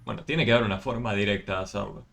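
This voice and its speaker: Patient low-voiced Argentine math tutor. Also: male voice, rapid-fire, vocal fry, a bit bright. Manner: patient, explaining step by step with many fillers. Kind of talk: online tutoring session.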